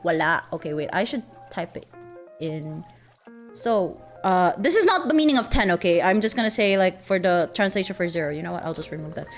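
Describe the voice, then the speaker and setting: A woman's voice: on the low side, expressive, brisk, faint music behind. A young woman with a Filipino accent, casually teaching a language lesson on a livestream, giggling and rambling with lots of fillers. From Philippines.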